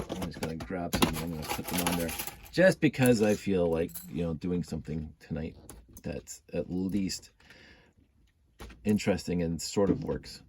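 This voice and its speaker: Speaking in a low-pitched, slightly mellow voice, this vlogger builds while nursing a stuffy cold, humming and muttering as his self-deprecating thoughts ramble on. A little hiss or hum runs under the recording.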